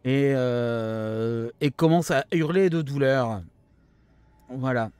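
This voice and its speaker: A man acting as game master, improvising narration and explaining the action in a halting way. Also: medium pitch, darkish tone, clean tone, no echo.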